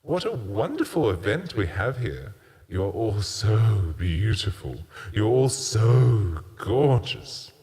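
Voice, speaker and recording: A man voicing a breathy, sultry hostess. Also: fairly low pitch, big pitch swings. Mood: seductive. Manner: slow, drawn-out purring delivery. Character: towering sultry woman hosting a decadent party. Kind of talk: audiobook narration.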